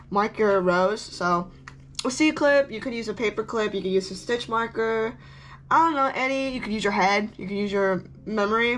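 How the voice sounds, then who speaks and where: A woman's voice: mid-range voice, a little hiss or hum. A woman casually talking through a craft tutorial step by step, rambling and correcting herself, chewing gum as she talks. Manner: chatty, rambling, self-correcting asides.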